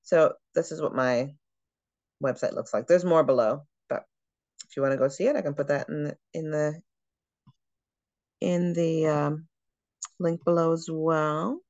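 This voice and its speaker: A woman's voice: deep voice, steady tone, unhurried, long pauses, a little mellow, dry recording. Woman trainer, chatty screen-share demo, dry, slightly dull call audio. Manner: chatty, thinking aloud with restarts. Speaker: travel agent trainer. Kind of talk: screen-share software walkthrough.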